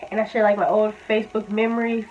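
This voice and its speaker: A woman's voice: medium pitch, level tone, fast, phone-quality sound. A young woman vlogger casually telling a personal story, talking in a loose, chatty way full of "like" and fillers. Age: young adult. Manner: chatty, filler-heavy, says "like" often.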